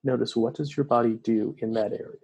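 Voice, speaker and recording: Male meditation guide, mellow and breathy, calm soothing delivery. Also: mid-range voice. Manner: slow, soft, soothing instructions.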